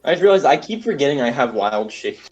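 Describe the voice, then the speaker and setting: A man chatting casually as a player in an online tabletop game, swearing freely and exclaiming loudly. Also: mid-range voice, very animated, fast, highs cut off.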